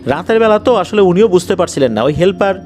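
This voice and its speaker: A horror story narrator with a Bangladeshi accent recounts paranormal incidents in a conversational, suspenseful way, explaining and repeating details as he goes. His voice is high, a little mellow, fast, and lively, with faint background music and slight background noise.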